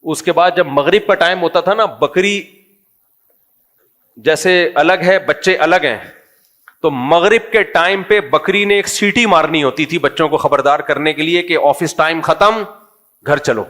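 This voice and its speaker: A man's voice: on the high side, fairly bright tone. A middle-aged man, a religious scholar, giving a humorous, conversational religious talk and quizzing his audience.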